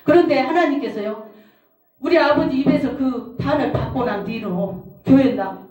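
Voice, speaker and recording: Middle-aged lady preaching, telling her story, mellow voice, echoey hall, mic kinda far. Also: sits high. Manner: storytelling, repeats phrases for emphasis. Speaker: pastor's wife preaching. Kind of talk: sermon with personal testimony. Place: prayer house service hall. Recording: roomy hall, distant mic.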